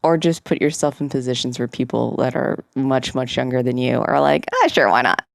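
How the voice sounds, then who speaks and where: A woman's voice: rumbling low, steady tone, normal speed, gravelly, a little mellow, no echo, clean studio sound. A woman co-hosting a podcast who chats casually and hedges a lot, full of "like" and "I think". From California. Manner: chatty, hedging, lots of "like" and "I think". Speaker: podcast co-host. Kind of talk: casual chat.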